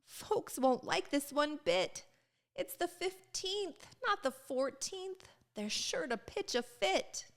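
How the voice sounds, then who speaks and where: A woman's voice: sits high, very animated, slow pace, voice pushed up, full character voice. A woman voicing a sweet, anxious storybook girl with a timid, tearful, tiny voice. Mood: worried, timid. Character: Ruby Valentine, sweet anxious girlish storybook heroine.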